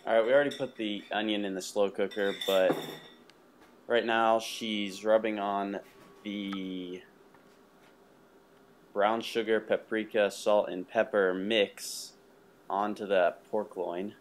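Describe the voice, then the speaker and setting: A man's voice: fairly low pitch, slow, long pauses, slight background noise. A young man casually talking viewers through a recipe in his home kitchen. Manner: relaxed, talks viewers through steps. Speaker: cooking vlog host.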